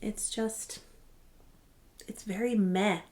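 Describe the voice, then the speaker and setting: A woman's voice: medium pitch, fairly even intonation, takes it slowly, a little mellow. Woman vlogger, casual and chatty, rambly asides, everyday voice. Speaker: beauty vlogger. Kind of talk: casual product walkthrough.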